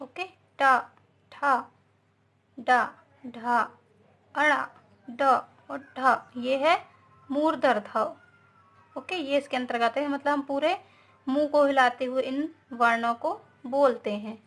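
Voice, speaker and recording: A woman teaches grammar to young children in a slow, careful way. Her voice sits high, and she keeps checking in with little tag words as she goes, slipping English into her talk. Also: a bit bright. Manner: patient, repeats "okay" and "है ना", mixes English words. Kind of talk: slow, explaining Hindi grammar lesson.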